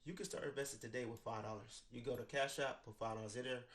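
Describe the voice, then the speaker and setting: A finance educator with an American accent and a cold-stuffed nose explains finance topics to camera through a studio desk microphone, wearing headphones. He talks fast and loosely, tossing in many "right?" tags, his mid-range voice fairly even and a bit bright.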